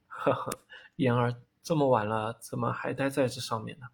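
A doting middle-aged clan-leader father who talks to his son with chuckling warmth, as a male audiobook narrator puts him on. The voice is gravelly and husky, pitched a little lower than the narration. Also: fairly even intonation, normal speed. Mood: affectionate. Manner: chuckling, affectionate.

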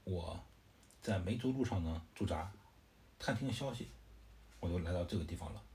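A man's voice: sits low, animated, moderate pace, warm tone. A man playing a bold male general. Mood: recounting. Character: bold male general recalling his travels.

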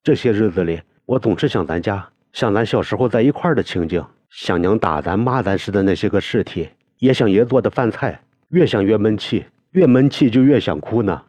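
A deep-voiced man reading a novel aloud, voicing a young man who is choked with tears and speaks in halting, broken phrases. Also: sing-song, warm tone, no room sound. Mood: tearful. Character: young man, weeping, torn up over family.

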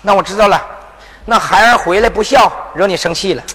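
A man's voice: high voice, fairly quick, pushed and bright. A man playing a young adult son who coaxes and teases his angry mother in a sing-song Northeastern Chinese folk duet. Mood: musing, teasing. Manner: teasing, soothing, sing-song folk opera delivery. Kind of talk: errenzhuan folk duet, sung and spoken. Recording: stage recording with folk music behind.

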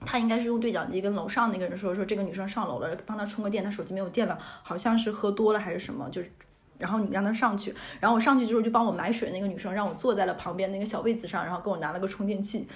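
A woman's voice: mid-range voice, very fast. A young woman radio host telling a funny story in casual chat, laughing often at herself.

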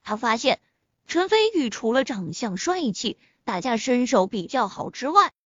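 A woman reads a web novel aloud with expressive storytelling. Her voice is high and very animated. The sound is dry and a little muffled. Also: unhurried, dry recording. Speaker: audiobook narrator. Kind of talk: scripted novel narration. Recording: dull lo-fi recording.

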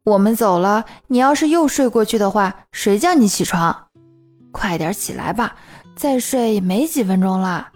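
A woman's voice: medium pitch, expressive, moderate pace, a little mellow, faint music behind, natural voice. A woman voicing a young classmate who coaxes a friend out of bed. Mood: coaxing. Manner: coaxing, firm. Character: caring, bossy young classmate.

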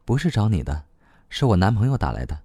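A man's voice: on the low side, sing-song, fast, mellow, breathy edge, dry recording, studio quality, exaggerated voice. A man doing a sly, teasing young woman. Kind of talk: audiobook reading.

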